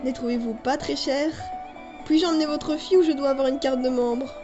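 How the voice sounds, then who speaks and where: A woman's voice: high-pitched, fairly even intonation, fairly quick, dull audio, over music, lightly acted. A woman reading the lines of a cheeky, overly polite young man in a homemade fan story. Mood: mock-polite. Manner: mock-courtly, teasing.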